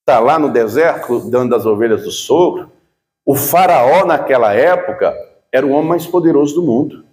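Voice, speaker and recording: A male pastor preaching a sermon, building emphasis with repeated phrases and reading scripture slowly. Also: mid-range voice, animated, darkish tone, reverberant.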